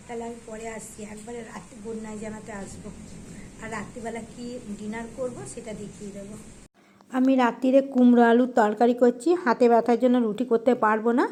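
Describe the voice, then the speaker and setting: A woman's voice: fairly high pitch, dark tone. A middle-aged woman chatting casually in a home vlog, narrating her cooking and her day. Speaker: vlogger. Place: home kitchen. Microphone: handheld phone. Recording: echoey room with faint ambient noise.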